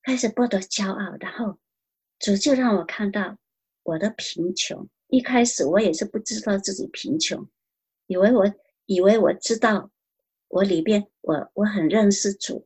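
Husky woman giving earnest testimony. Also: mid-range voice, darkish tone. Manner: earnest, repeats phrases. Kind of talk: spoken personal testimony.

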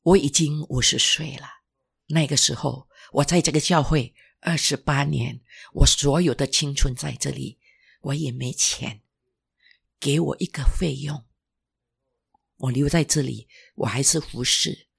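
An older former pastor giving an emotional personal testimony, halting and restarting, sometimes dropping to a whisper. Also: mid-range voice, fairly even intonation, creaky, fairly bright tone, slightly rough.

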